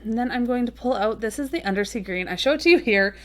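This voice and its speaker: A woman's voice: on the high side, animated, fast, a bit bright. A woman talking casually through a watercolor painting tutorial, chatty and rambling with frequent ums and little apologetic asides. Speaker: watercolor card-making tutorial host.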